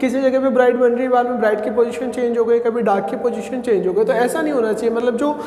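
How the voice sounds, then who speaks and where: A man's voice: extremely high pitch, fairly even intonation, fast talker, warm tone. A man teaching physics, posing questions to the class and answering them himself as he derives formulas. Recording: roomy echo with long reverb.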